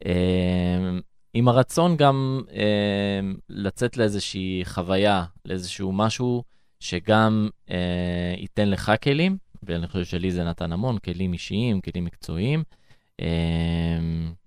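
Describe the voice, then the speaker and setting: A man's voice: deep voice, darkish tone, clear, resonant tone, dry recording, clean studio sound. A young man with an Israeli accent, reflectively and earnestly telling his experiences as an interview guest. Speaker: interview guest, former emissary abroad. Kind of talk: conversational interview storytelling.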